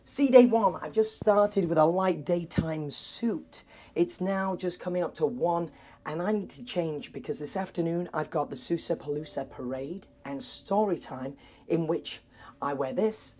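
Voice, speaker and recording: A man's voice: fairly high pitch, a little slow, darkish tone. An upbeat, enthusiastic man in his thirties chatting casually to camera as a cruise director and vlog host. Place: aboard a cruise ship, in cabins, corridors and busy public decks.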